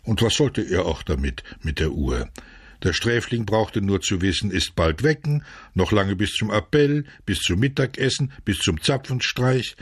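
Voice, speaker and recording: A man reading a novel aloud as scripted narration, measured and steady, switching to loud shouts for quoted lines. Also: low-pitched, breathy edge, dry recording, studio quality. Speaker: audiobook narrator.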